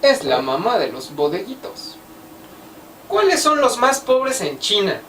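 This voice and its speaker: Mexican woman vlogger, animated joke-teller, pitch jumps around a lot, roomy sound from a mic set back. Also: unhurried. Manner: animated, playful delivery. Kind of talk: casual joke-telling to camera. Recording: roomy, mic at some distance, faint background noise.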